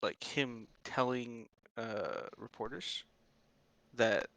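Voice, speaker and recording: A man's voice: mid-range voice, slow, creaky, bright, forceful tone, low-quality recording. A young man co-hosting a podcast, chatting casually in a blunt, sweary, ranting way. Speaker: podcast co-host. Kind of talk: casual chat.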